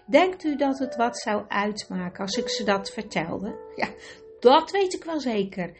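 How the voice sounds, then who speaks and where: A woman's voice: on the high side, big pitch swings, measured pace, over music. A woman voicing a wry old male magician in a storybook reading.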